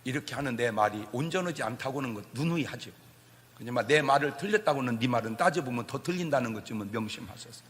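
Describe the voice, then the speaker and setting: A middle-aged male pastor preaching a sermon, swinging between loud shouts and soft asides and chuckling as he tells stories. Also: mid-range voice, lively intonation, fast talker, long reverb tail, a little hiss or hum.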